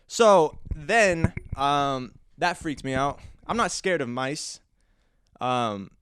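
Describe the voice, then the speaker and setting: A young man tells his own stories in a loose, rambling way as a podcast host. He stops and restarts often and acts out his reactions. His voice is smooth and resonant, recorded close and dry. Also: a little high, animated, takes it slowly, a bit bright, no room sound. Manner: rambling, full of restarts and fillers. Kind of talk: casual storytelling monologue.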